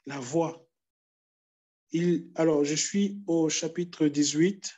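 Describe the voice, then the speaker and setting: High-pitched guy preaching slow, repeating himself for emphasis, pleading with the church. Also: warm tone, husky. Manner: exhorting, pleading with listeners; repeats phrases with emphatic pauses. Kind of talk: sermon.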